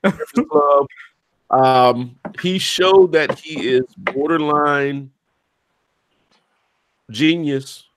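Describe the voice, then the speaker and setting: A man's voice: a little high, extremely slow, long pauses, fairly bright tone, a little hiss or hum. A man co-hosting a podcast in a casual, joking, loose way, swearing now and then. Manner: laid-back, joking, swears freely. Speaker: podcast co-host. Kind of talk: casual chat.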